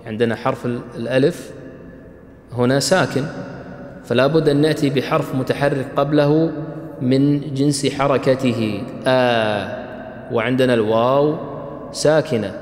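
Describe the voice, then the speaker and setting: A man teaches a recitation class at a patient, deliberate pace. He keeps repeating each rule and checks in with his listeners. His voice rings with a long echo through a large hall. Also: medium pitch, darkish tone. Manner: slow, repeats points, asks the class "what?" and "clear?". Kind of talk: classroom lesson explaining a tajweed poem. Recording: echoey hall.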